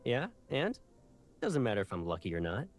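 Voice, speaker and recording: An actor playing a protective young man in a game, calm and dry with a teasing edge. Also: lowish voice, moderate pace, soft background music. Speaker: game character.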